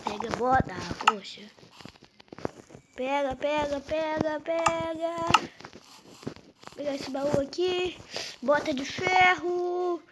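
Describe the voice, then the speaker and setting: A gameplay YouTuber with a Brazilian Portuguese accent gives live commentary, impatiently urging things along again and again. Her voice sits high and she takes it slowly, with long pauses, over loud background noise.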